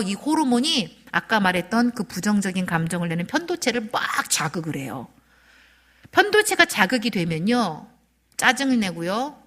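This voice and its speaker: A woman preaching a sermon in an emphatic way, switching between loud stressed phrases and soft whispers, and leading the congregation in repeating lines. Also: mid-range voice. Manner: leads the congregation in call-and-response. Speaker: guest speaker at a church service.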